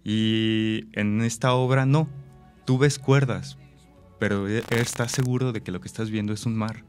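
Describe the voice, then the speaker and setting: A man's voice: lowish voice, fairly even intonation, a little slow, faint music behind. A man, an actor and director, explaining his ideas thoughtfully with examples and rhetorical questions. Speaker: actor and director, interview guest. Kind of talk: reflective interview talk.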